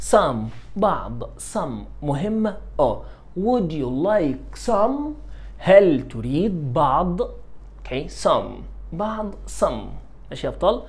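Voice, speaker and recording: Egyptian man drilling children's vocabulary. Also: medium pitch. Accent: Egyptian Arabic. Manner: repeats each word many times, drawing English phrases out slowly. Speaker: English teacher for young children. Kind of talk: classroom-style vocabulary drilling.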